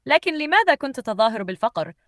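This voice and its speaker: Woman reading as a gentle young wife, kind, soft-spoken, dry close sound. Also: on the high side, lively intonation, fast talker, dry recording.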